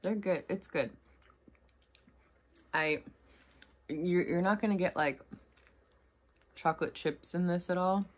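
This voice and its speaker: Chatty, teasing woman with a lowish voice. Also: slow, pauses often. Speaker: co-host tasting food. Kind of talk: casual snack review chat.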